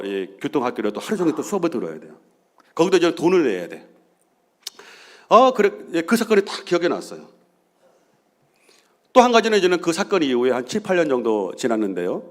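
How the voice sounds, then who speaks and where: A man in his fifties, a senior pastor, telling stories in a Sunday sermon and acting out the quoted lines. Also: fairly high pitch. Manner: animated, acts out quoted bickering and voices.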